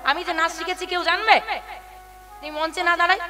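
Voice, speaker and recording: Very high-voiced woman preaching at kirtan. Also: steady tone, quick pace, sharp tone. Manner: rhetorical questions to listeners, calls them baba; chants scripture verses in a sing-song lilt. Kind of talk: devotional kirtan sermon. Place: devotional gathering with seated listeners. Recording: music playing behind speech. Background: devotional music.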